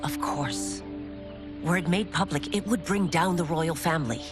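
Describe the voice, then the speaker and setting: A woman's voice: on the low side, normal speed, close to an everyday voice. A woman voicing a resolute female constable and former royal guard who speaks earnestly. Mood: determined. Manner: earnest, determined. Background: music.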